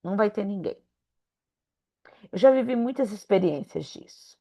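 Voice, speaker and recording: A woman with a Brazilian accent giving a sermon-style Bible lesson, telling stories in a lively way and acting out other people's words. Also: normal speed. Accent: Brazilian Portuguese. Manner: lively storytelling, acting out quoted voices with big pitch jumps. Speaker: preacher teaching a Bible lesson.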